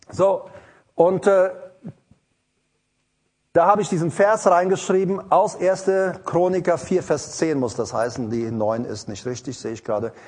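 A man's voice: fairly high pitch, a little mellow, breathy edge. A man preaching an informal sermon, hesitating with fillers and rising to emphatic prayer.

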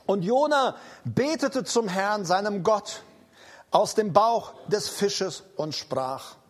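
A man preaching a charismatic sermon, proclaiming in declarative repetitions and slow, emphatic commands. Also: high-pitched, expressive.

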